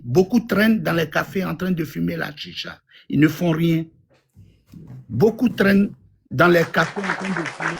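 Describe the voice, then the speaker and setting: A man's voice: on the high side, vocal fry, husky. A man, giving blunt, emphatic opinions in a street interview and repeating his points.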